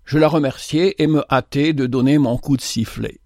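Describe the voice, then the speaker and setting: A man narrating a story in the first person, measured and expressive. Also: mid-range voice, dry recording, clean studio sound. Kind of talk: storybook reading.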